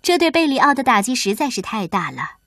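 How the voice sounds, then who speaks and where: A woman hosting and reading a children's bedtime story aloud, gentle and expressive. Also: fairly high pitch, fast talker, dry recording, clean studio sound.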